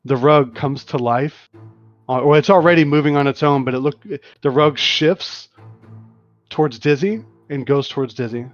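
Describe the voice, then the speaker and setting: A man's voice: mid-range voice, normal speed. A man runs a tabletop game as game master, narrating scenes and calling for rolls with frequent uhs and restarts. His voice comes through slightly dull, lo-fi stream audio, with faint music playing underneath. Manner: descriptive, with frequent restarts and "uh" fillers.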